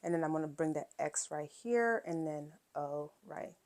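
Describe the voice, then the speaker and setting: A woman's voice: deep voice, moderate pace, a little mellow. A woman hosting a quilting channel, casually talking through each sewing step, with frequent fillers and check-ins. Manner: chatty step-by-step explaining with fillers.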